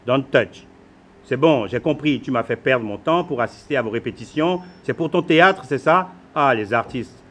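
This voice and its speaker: Man acting out a boastful Beninese husband, Beninese French accent, rushed, brash, fond of English slang. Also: mid-range voice, lively intonation, fairly bright tone. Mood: irritated. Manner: mixes English words into French, boastful and hurried. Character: flashy busy Beninese husband, phone-obsessed, self-assured. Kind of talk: theatrical monologue.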